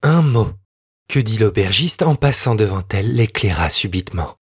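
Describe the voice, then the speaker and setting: Husky man reading a fairy tale. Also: on the low side, lively intonation, normal speed, no room sound, clean studio sound. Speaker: audiobook reader. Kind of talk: scripted storybook narration.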